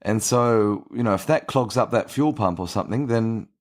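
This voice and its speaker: A man's voice: lowish voice, moderate pace. Man explaining technical details, hesitantly. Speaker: podcast co-host. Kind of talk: casual podcast discussion.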